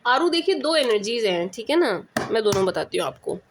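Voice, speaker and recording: A woman's voice: fairly high pitch, sing-song, fairly quick, noisy background. A woman with an Indian accent giving a casual tarot reading, emphatic, often checking that listeners understand and calling them sweet pet names. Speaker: tarot reader.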